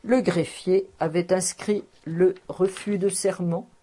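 A woman reads a classic novel aloud as an audiobook narrator, measured and even. Her voice is mellow and dark, with a soft husky grain. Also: on the low side.

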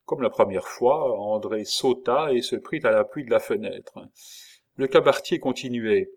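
A man narrating a novel in a steady, measured storytelling manner. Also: mid-range voice. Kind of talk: audiobook reading of a novel.

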